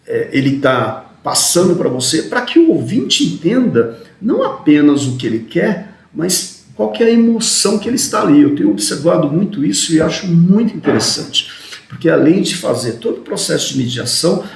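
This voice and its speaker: A man teaching a recorded video lecture, talking quickly and tagging his sentences with questions to the students. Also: on the high side, sing-song, gravelly, echoey room. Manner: talks fast, often adds "né?".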